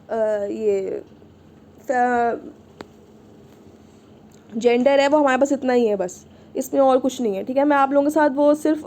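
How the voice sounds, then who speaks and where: A woman's voice: sits high, dark tone. A woman teaching an online Arabic class, patiently repeating and checking in with her students. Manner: patient, repeats "ठीक है" often.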